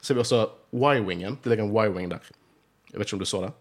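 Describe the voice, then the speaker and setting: Low bergen-accent guy hosting a podcast, lots of chatter and laughing. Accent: Bergen Norwegian. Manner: talkative, animated, laughs often. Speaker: podcast host. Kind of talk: casual chat.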